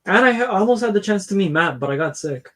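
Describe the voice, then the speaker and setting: A man's voice: high-pitched, expressive, fast talker, a bit bright. A man co-hosting a football watchalong, telling long rambling stories with lots of fillers and restarts. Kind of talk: casual chat.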